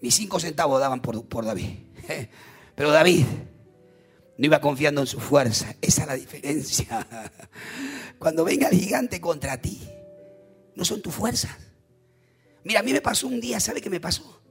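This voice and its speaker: A preacher tells a story from the pulpit in a high, wildly swinging voice with a gravelly, husky texture. He is dramatic and animated, jumping into sudden loud bursts. Faint music plays underneath. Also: normal speed, pauses often.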